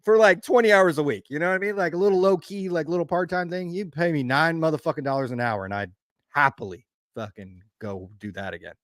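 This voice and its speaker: A man's voice: fairly high pitch, quick pace, a bit bright, no echo, clean studio sound. A man co-hosting a live sports card radio show in casual, profane, emphatic and joking chat.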